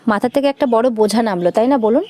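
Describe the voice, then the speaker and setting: A woman's voice: a little high, expressive, very fast, mellow, lightly acted. Woman reading as a bashful young wife. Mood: bantering. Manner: bashful, bantering. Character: young wife, shy and bantering.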